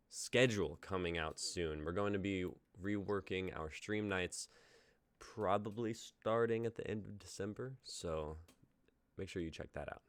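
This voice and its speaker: A young adult man hosts a live stream, chatting casually while he plugs links and upcoming plans. His voice is lowish and smooth, and there's no echo.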